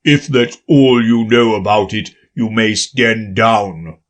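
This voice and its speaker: A man doing a slow, grave old king. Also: lowish voice. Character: pompous fretful old king.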